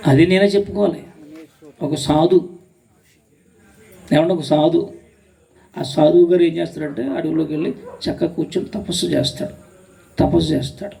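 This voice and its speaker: A man's voice: on the high side, normal speed, creaky, long pauses, mellow, distant mic. A man preaching a sermon as pastor, emphatic, with rhetorical questions and repeated phrases.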